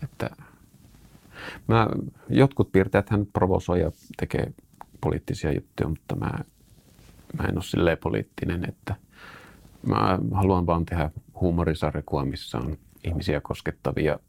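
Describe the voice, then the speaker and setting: A comic strip artist answering an interviewer's questions, a man with a very low, gravelly voice. He muses and restarts as he talks. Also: a little mellow. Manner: hesitant, restarting and musing.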